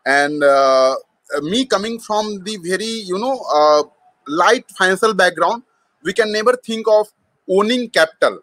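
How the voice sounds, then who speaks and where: A man with an Indian accent and a fairly high-pitched voice speaks as an interview guest. He tells his story in a conversational, halting way, dropping Hindi phrases into his English. The sound is dry, with very little room echo. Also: animated, a bit bright. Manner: hesitant, frequent mid-sentence Hindi switches. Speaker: startup co-founder, interview guest.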